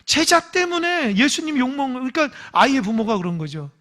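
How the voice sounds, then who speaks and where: Male pastor preaching a sermon, bright high voice, animated delivery with loud calls and hushed asides. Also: fairly quick. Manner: acts out quoted voices in dialogue. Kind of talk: Sunday morning sermon.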